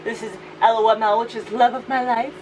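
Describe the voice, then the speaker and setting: A woman's voice: fairly high pitch, a little fast, music in the background, poor audio. A woman vlogger chatting casually and playfully about her things in informal, slangy language, with a fan running as she talks. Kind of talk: casual beauty declutter chat. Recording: steady fan noise behind voice.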